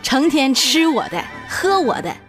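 A woman with a Northeastern Chinese accent, hosting a radio comedy show and telling funny stories in an animated, laughing way. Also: sits high, a little slow, soft background music. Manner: animated, laughing, puts on voices. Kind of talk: comic storytelling monologue.

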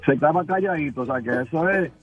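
A man calling in to a radio show, chatty and brisk. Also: a little high, slightly rough, faint music behind. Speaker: radio caller. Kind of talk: phone-in comment. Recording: dull lo-fi phone line.

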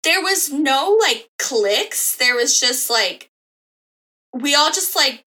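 Young American woman podcast host, higher-pitched and sharp, bright tone, sweary casual storytelling. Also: slow pace. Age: young adult. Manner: profane, slangy, animated storytelling. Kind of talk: casual chat.

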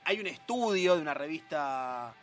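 A man's voice: fairly high pitch, faint music behind. A man with an Argentine accent hosting a radio show, teasing his co-hosts in joking studio chat. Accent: Argentine Spanish. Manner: teasing, quick, animated. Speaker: radio host. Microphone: studio microphone.

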